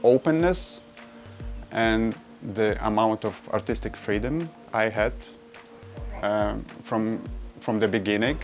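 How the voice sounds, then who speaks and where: A man who is a graphic and motion designer, speaking calmly with pauses. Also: lowish voice, soft background music.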